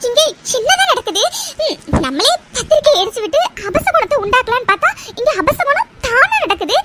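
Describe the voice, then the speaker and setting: A woman voicing a scheming middle-aged aunt in a cartoon who plots against a wedding, with gleeful, giggling talk. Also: brisk. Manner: gleeful, giggling, high-pitched. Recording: steady background hiss.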